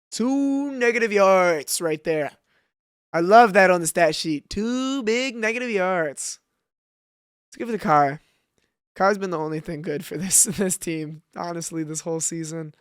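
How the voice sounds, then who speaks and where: A man's voice: on the high side, no room sound, studio quality. A young man giving casual, profane, self-mocking play-by-play commentary on a football video game, with sudden outbursts. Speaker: gaming commentator.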